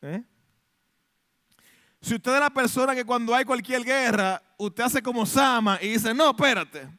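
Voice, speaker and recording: A man's voice: very high voice, a little slow, bright, forceful tone, no echo, clean studio sound. A man preaching a sermon as pastor, asking the congregation questions and acting out quotes. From Dominican Republic.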